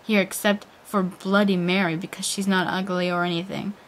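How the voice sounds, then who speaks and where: A woman's voice: mid-range voice, level tone, moderate pace, natural voice. A woman voicing a whiny, angry teenage goth girl in an overwrought, theatrical dramatic reading. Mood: anguished whining.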